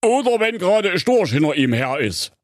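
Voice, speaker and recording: A man's voice: high-pitched, sing-song, moderate pace, no echo, clean studio sound, voice pushed up. A man voicing a pompous, officious middle-aged father who reads out rules pedantically.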